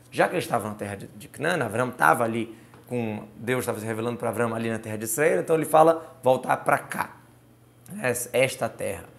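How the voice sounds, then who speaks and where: A man's voice: mid-range voice, gravelly. A man teaching a Torah lesson, reading verses aloud and explaining them word by word with Hebrew terms. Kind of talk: explanatory Bible commentary lesson.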